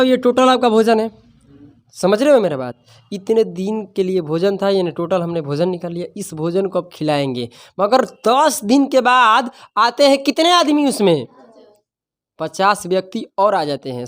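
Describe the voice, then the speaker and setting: A man teaching maths to a class, mixing the lesson with joking, scolding asides. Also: sits high. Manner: teasing, scolding, playful dialect asides.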